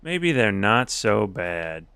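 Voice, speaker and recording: A man's voice: on the low side, big pitch swings, slow pace, vocal fry, sharp tone, clear, resonant tone, no room sound. A man streaming a video game, chatting casually with jokes and swearing as he plays. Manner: chatty, joking, profane. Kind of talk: casual gameplay commentary.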